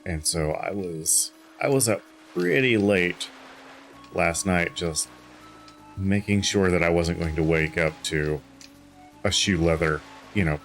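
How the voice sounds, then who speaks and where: A man's voice: deep voice, fairly bright tone. A tired man streaming a game from home, chatting in a rambling way with lots of fillers and restarts. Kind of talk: casual chat while gaming.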